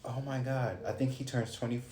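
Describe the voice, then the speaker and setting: A man in his late twenties livestreams a card reading, ranting casually and thinking out loud with swearing and sudden exclamations. His medium-pitched voice is warm and level, and he talks fairly quickly. The room is echoey, with faint ambience in the background.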